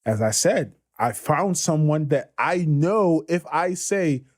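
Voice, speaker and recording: A man in his twenties, a guest on a podcast, telling his story in a casual, excited way, full of slang and restarts. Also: fairly high pitch, slow pace. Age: 20s.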